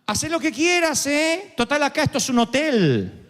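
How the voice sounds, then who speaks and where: A mocking, exasperated mother nags her child in a sharply raised, sing-song voice, as a male preacher puts her on. The sarcasm rides on wide swoops of pitch, and a long hall reverb trails each phrase. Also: big pitch swings, moderate pace, fairly bright tone, heavily acted. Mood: sarcastic scolding.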